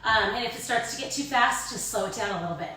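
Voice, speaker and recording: A woman with a fairly high voice instructs a live Pilates class. She cues and counts in an informal, encouraging manner. The recording is very reverberant, with her voice some distance from the microphone. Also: quick pace, bright, forceful tone. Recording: very echoey room, distant microphone.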